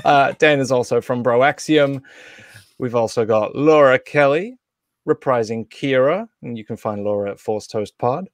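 Speaking at a normal pace in a mid-range voice, a man in his thirties or forties runs a livestream, casually introducing people and making announcements off the cuff with some hesitation. The audio is dry and studio quality.

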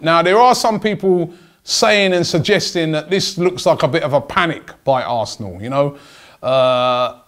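Emphatic man, slightly high-pitched. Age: middle-aged. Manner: emphatic, repeats phrases for stress. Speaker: football fan channel host. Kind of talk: opinionated football commentary to camera. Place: indoor studio desk with branded backdrop. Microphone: several stand microphones on desk.

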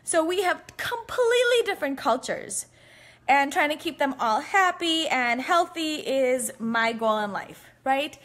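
A woman in her thirties from the United States, a family physician and cooking vlogger, chats casually on a live stream from her home kitchen, rambling with lots of ums and frequent laughs. Her voice is high, a bit bright, lively in intonation and measured in pace, recorded on a phone held at arm's length.

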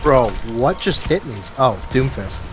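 A man's voice: medium pitch, lively intonation, a little slow. A man in a casual gaming voice chat, talking like a hyped, slangy gamer bro. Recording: game music and sounds behind voice. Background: video game music.

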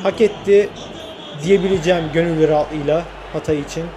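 A young man narrating his football video game career, talking to himself and shouting at the play. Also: on the high side, fairly even intonation, fairly quick, noisy background. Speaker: gaming YouTuber. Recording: game music clearly under the voice.

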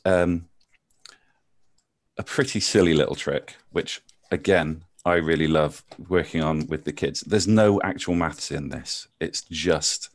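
A man with a gentle Bristol accent, a maths teacher chatting over a video call and walking through card tricks with self-deprecating jokes. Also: low voice. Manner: self-deprecating, jokey, chatty with frequent ums. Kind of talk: casual chat and card trick demonstration.

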